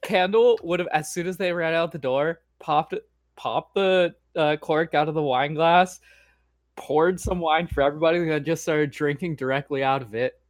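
A woman's voice: sits low, moderate pace, dry recording, clean studio sound. A woman playing a tabletop role-playing game, talking bluntly and rambling in character. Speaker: player.

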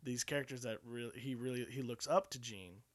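Man, mid-pitched voice, podcast co-host, halting, repeats words. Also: dry recording. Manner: halting, repeats words while searching for a thought. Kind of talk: casual chat.

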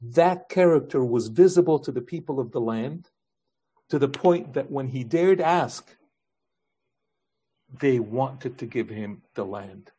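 A man's voice: medium pitch, animated, unhurried, warm tone, husky. A man preaching a sermon as pastor, earnest, building his points with repeated rhetorical questions.

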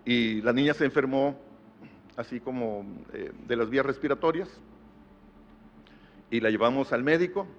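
A man's voice: on the high side, a bit bright. A middle-aged man, a pastor, preaching a sermon and telling a family story, building to emphatic repeated phrases. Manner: tells a family anecdote, rising to emphatic repetition. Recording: dull long hall reverb.

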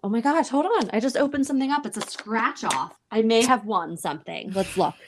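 A woman's voice: on the high side, animated, a little fast, a little hiss or hum. A woman co-hosting a podcast, chatting casually in an informal, slangy, exclamatory way. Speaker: podcast co-host. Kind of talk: casual chat.

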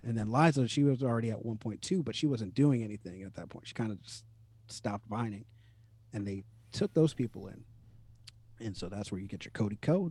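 A man telling stories in a casual podcast chat, animated, swearing casually and laughing often. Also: lowish voice, no room sound.

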